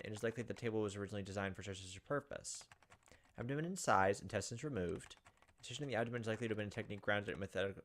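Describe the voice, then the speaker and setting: A young adult man sits indoors at his computer on webcam, reading game text aloud and commenting casually as a let's play host. His voice is on the low side with a fairly bright tone.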